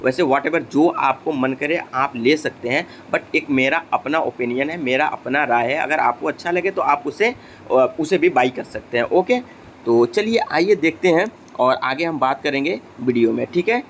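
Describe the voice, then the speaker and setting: A man hosting an educational channel, giving exam guidance to students in a mix of Hindi and English. He talks straight to his viewers and fills pauses with "okay". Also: mid-range voice, slight background noise. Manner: mixes Hindi and English, addresses viewers directly; frequent fillers and checks like okay.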